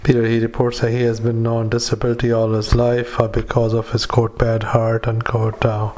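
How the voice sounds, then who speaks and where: Man, average pitch, monotone, doctor's dictation, hesitant, halting phrases, matter-of-fact. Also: a little hiss or hum. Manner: halting, hesitant, with frequent long pauses. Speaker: doctor dictating a psychiatric evaluation. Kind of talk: medical dictation with spoken formatting cues.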